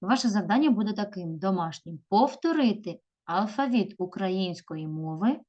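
A woman teaching a video lesson to young pupils, drawing words out slowly and calling them children. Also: mid-range voice, animated, muffled recording. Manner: slow, drawn-out stressing of words; addresses pupils warmly as children. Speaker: primary school teacher.

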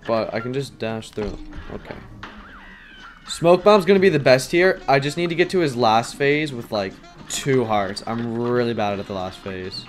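A young man streams himself playing a game and chats the whole way through. He is casual and self-deprecating, full of fillers and sudden yelps, and his voice sits at an ordinary middle pitch. Game music runs faintly behind him. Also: lively intonation, normal speed. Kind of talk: casual gaming commentary.

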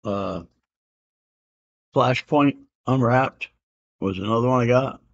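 A creaky, medium-pitched voice belongs to a man in his fifties who slowly and casually shows off comic books at home, including one won at auction. Relaxed and rambling, he uses many "uh" fillers and says "man" and "I can dig it," recorded in dull lo-fi home camera audio in a room hung with comic art.

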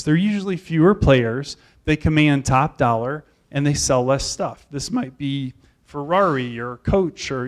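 A man giving a conference keynote, telling lively stories and acting out the people in them. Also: fairly high pitch. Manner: animated storyteller, acts out quoted voices. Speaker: conference speaker. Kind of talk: storytelling keynote talk.

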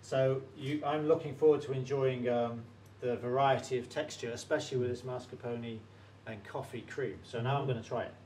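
A man hosting a cooking show who tastes a dish and praises it in a halting, restarting way. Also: mid-range voice, fairly even intonation, darkish tone, a little hiss or hum. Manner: effusive, praises the food while tasting. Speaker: host. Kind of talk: casual cooking show chat.

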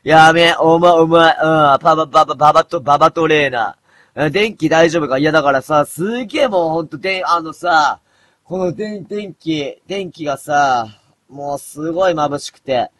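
A man in his thirties chatting casually on a late-night live stream, mumbling low and then breaking into loud, rough outbursts. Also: moderate pace, no echo. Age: 30s. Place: dim room at home.

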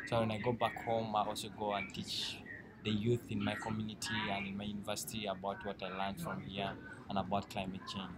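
A man's voice: on the low side, monotone, brisk, very noisy. A young man from Uganda, a student, speaking earnestly into a handheld camera inside a conference hall. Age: young adult. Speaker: environmental science student. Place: indoors at a large conference hall. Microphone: camera at arm's length. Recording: loud conference hall background.

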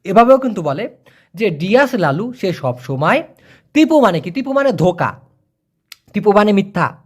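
A Malay teacher gives a video lesson. The teacher says foreign phrases very slowly, repeats them, and keeps coaxing viewers with please and brother. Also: medium pitch, sing-song.

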